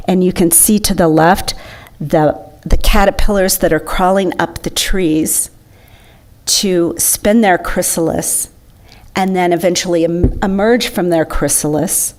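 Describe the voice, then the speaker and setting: A woman's voice: fairly low pitch, darkish tone. A woman giving an enthusiastic, chatty slideshow talk to an audience. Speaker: presenter.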